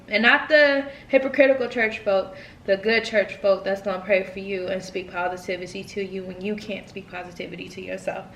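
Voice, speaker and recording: A woman's voice: medium pitch, a little hiss or hum. A woman in her twenties talking casually to camera over a meal, encouraging her viewers and calling them y'all. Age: 20s. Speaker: vlogger. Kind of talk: casual mukbang talk to camera. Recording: echoey room, far from mic.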